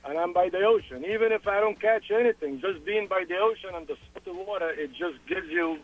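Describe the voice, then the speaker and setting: A man's voice: high-pitched, brisk, dry recording. A man from Egypt calling in to a radio show, friendly and earnest as he rambles about fishing. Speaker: caller. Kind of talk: phone call-in chat. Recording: tinny phone line.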